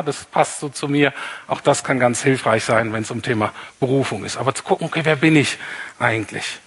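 A man's voice: fairly high pitch, a bit bright, slightly rough. A man preaching a sermon in a conversational way, repeating his key points for emphasis. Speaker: pastor.

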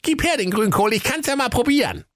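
A man's voice: very high-pitched, big pitch swings, brisk, voice pushed up. A man voicing a sulky, skinny, always-hungry boy in a comedy fairy-tale audio story. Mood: eager. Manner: whiny, sulky.

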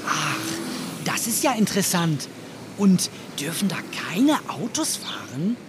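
Cheeky curious puppet jester voiced by a performer, lively swoops, car hum behind. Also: medium pitch, measured pace. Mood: eager. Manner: curious, asks many questions. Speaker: puppet character. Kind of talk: children's audio play.

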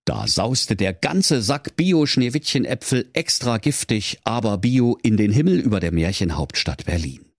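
A man's voice: lowish voice, very animated, normal speed, few pauses, no room sound, clean studio sound. A man narrating a comic fairy tale in a mock-solemn storytelling manner. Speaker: podcast host and narrator.

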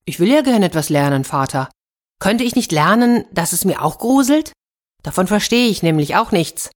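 A woman's voice: lowish voice, sing-song, normal speed. A woman voicing a simple-minded, fearless young village lad in a children's fairy-tale reading. He sounds earnest and unbothered. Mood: puzzled.

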